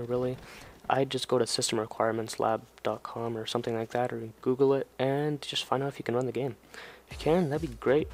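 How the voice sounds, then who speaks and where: A teenage boy rambles through casual gameplay commentary, chatty and loose with his swearing. His voice sits at an ordinary middle pitch with little rise and fall. Loud game gunfire and ambience run beneath his mic. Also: a little hiss or hum. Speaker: gamer. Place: home, at night. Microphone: desk or headset mic. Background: video game gunfire and ambience.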